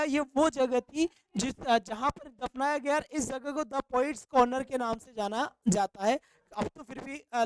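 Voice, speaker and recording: A woman teaches an exam-prep literature lesson, repeating each key point and quizzing her listeners as she goes. Her voice is high and smooth. It is recorded close and dry, with no room sound. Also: darkish tone, no echo, rough recording.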